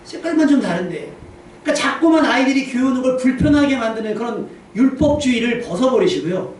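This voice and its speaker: A man preaching a lively, humorous sermon as pastor, acting out little quoted scenes. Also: extremely high pitch, fast. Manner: animated, humorous, acts out quotes. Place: church sanctuary. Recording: very echoey church hall, distant mic, faint noise.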